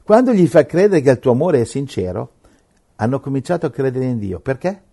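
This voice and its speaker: A man preaching a sermon, emphatic, swinging between loud rhetorical questions and quiet asides. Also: mid-range voice, very animated, a little fast, husky.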